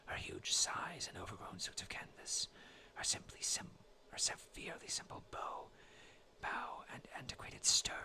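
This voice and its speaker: A New England man in his twenties reads a classic sea tale aloud as a storyteller, using a whispered role-play ASMR style. His voice sits on the low side and has a sharp tone.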